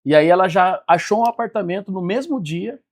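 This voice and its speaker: Animated high-voiced man telling his story. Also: brisk. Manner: animated storyteller acting out quoted dialogue. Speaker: guest, business mentor. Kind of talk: personal storytelling in a podcast interview.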